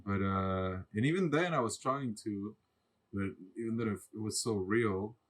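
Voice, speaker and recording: A man's voice: on the low side, normal speed. A man co-hosting a casual podcast, laid-back and laughing often as he tells stories. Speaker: podcast co-host. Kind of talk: casual chat. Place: home room, seated on couch.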